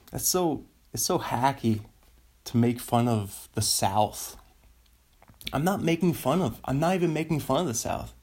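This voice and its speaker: A man's voice: medium pitch, a little mellow, breathy edge. A man doing a rambling, casual comedy monologue, laughing at his own jokes as he goes. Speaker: comedian host.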